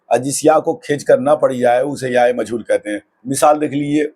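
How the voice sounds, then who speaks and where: Husky man teaching Urdu grammar. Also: mid-range voice, darkish tone. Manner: drawn-out example words, repeated slowly. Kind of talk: explanatory lesson.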